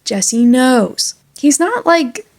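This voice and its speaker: A woman's voice: high-pitched, sing-song, very slow, darkish tone. A woman talking through a book in a casual review vlog, chatty and enthusiastic with lots of fillers.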